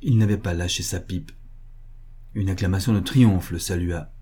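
A man reading a literary short story aloud in a measured, even storytelling manner. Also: sits low, husky. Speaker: audiobook narrator. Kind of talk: scripted literary narration.

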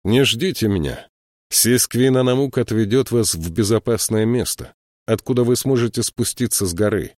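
A man's voice: medium pitch, normal speed, no echo, studio quality, pitched above the performer's own voice, natural voice. A man doing a stubborn little troll. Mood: resolute. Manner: calm, firm, quietly resolute. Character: small stubborn male troll, principled and wry.

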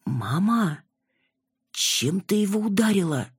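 A woman reading an audiobook, voicing a hoarse young daughter with a teasing, quick manner. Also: medium pitch, big pitch swings, no echo, clean studio sound, pitched above the performer's own voice, heavily acted. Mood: dazed.

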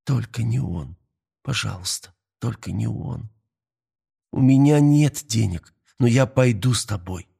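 Storybook role: a desperate young woman, voiced by a male narrator, high-pitched and pleading. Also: expressive, moderate pace, creaky, dark tone.

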